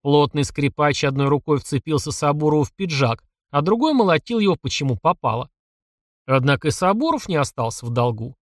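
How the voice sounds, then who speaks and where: Expressive male audiobook narrator. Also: fairly high pitch, a little fast, no room sound, studio quality. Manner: expressive storytelling. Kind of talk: scripted narration.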